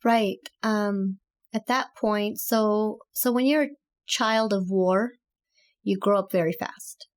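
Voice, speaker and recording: A woman in her thirties from Azerbaijan, telling her story in a reflective interview with measured, deliberate phrasing. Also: mid-range voice. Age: 30s. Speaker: podcast guest, author and entrepreneur.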